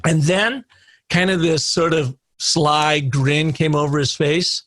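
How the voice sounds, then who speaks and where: A middle-aged man telling an anecdote as a podcast guest, lively, acting out the dialogue in it. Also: on the high side, slow, dry recording. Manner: animated anecdote teller, acts out quoted dialogue. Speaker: guest, storytelling consultant. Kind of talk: podcast interview storytelling.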